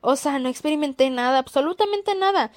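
A woman's voice: high voice, animated, fairly quick, darkish tone, dry recording, clean studio sound. A young woman with a Mexican accent, hosting a casual storytelling podcast, chatty and slangy, giggling and acting out quotes as she tells anecdotes. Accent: Mexican Spanish. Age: young adult. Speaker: podcast host.

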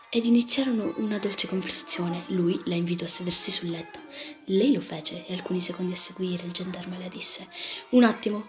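A woman reading a romantic story aloud in a soft, gentle narrating voice. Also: mid-range voice. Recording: background music throughout.

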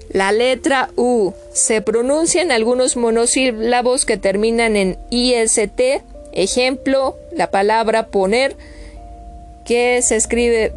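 A woman giving a spoken pronunciation lesson, spelling out letters and repeating each example word several times. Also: a little high. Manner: repeats words slowly, spells letters aloud. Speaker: English pronunciation teacher.

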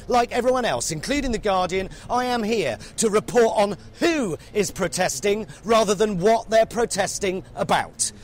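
A furious, foul-mouthed English reporter, played by a man tears into his targets in a comedic rant. The voice sits high and strains with sarcasm, breaking into shouts. A faint hum of noise lies under it. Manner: angry, sarcastic, swears heavily, shouts at times. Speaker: satirical reporter character.

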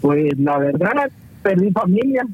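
A man's voice: sits high, big pitch swings, a little slow, husky. A man with a Guatemalan Spanish accent calling in to a radio show and telling stories in easygoing slang. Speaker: phone-in caller. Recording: tinny phone line.

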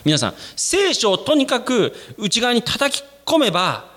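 A man preaching a sermon to his congregation, speaking to them directly. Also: a little slow. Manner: animated, addresses the congregation directly; acts out quoted voices with sudden jumps in pitch. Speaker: pastor.

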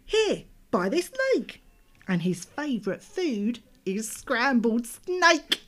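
A woman's voice: on the high side, very animated, slow pace, pitched above the performer's own voice, heavily acted. A woman voicing a small, clever, polite male mouse hero in a children's storybook. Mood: cheerful, sly. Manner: plucky, bright, polite.

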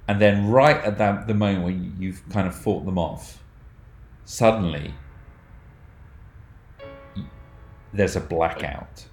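A man narrates a tabletop horror game as game master, slowly and with a lowish voice. He describes scenes haltingly, with many fillers and restarts. The recording has a roomy, echoey sound. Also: a little mellow.

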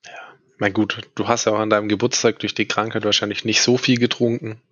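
A man's voice: lowish voice, level tone, fast talker, fairly bright tone, no room sound, muffled recording. A man co-hosting a casual podcast, throwing in short teasing remarks. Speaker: podcast co-host.

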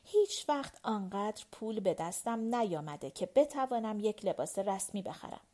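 A woman reading an audiobook, voicing a gentle, earnest young male general who speaks softly. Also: medium pitch, expressive, close to an everyday voice. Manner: soft, gentle.

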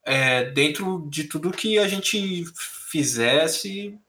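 A young Brazilian man speaks with a Brazilian Portuguese accent in a casual podcast chat. He rambles in slang and fills pauses freely. His voice sits a little high and sounds bright. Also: animated. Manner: slangy, rambling, lots of filler. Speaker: podcast co-host.

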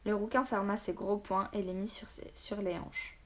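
A woman reading a children's audiobook aloud in a steady, expressive narration. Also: mid-range voice, moderate pace.

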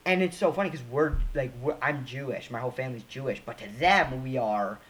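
A young man in casual chat, telling stories in an animated way with quick restarts and asides. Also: mid-range voice, poor audio. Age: young adult.

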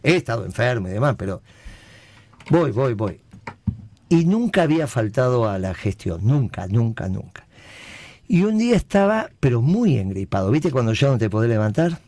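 A man with an Argentine Rioplatense accent hosting a radio talk show, telling stories in a lively, chatty way and often asking "¿viste?". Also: medium pitch, moderate pace, dry recording. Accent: Argentine Rioplatense Spanish. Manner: animated storyteller, repeats "¿viste?". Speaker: radio host. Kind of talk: casual radio conversation.

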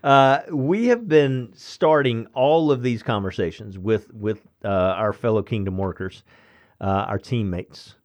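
A man with a fairly low voice hosts a faith podcast in an easygoing, earnest way. He speaks close to the mic in a dry, dead room, with the odd filler as he settles into conversation. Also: a little slow, no echo. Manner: earnest, relaxed and friendly, with fillers. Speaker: podcast host.

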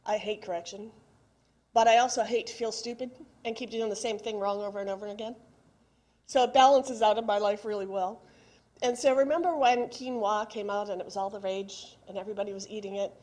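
A woman's voice: mid-range voice, steady tone, fairly quick, darkish tone. A middle-aged woman, preaching a sermon in a conversational way and putting questions straight to the congregation. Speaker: pastor.

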